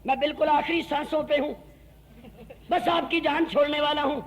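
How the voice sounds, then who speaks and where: High-voiced Punjabi-accented mosque preacher. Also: male voice, fairly even intonation. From Pakistan. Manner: fiery oratory that moves into sung verse and shouting; mixes folksy jokes with solemn appeals. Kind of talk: sermon.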